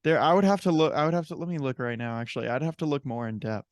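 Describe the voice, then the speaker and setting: A man hosting a podcast interview, easygoing and chatty, nodding along with quick affirmations. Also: a little high, no room sound. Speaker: podcast host. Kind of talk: casual interview chat.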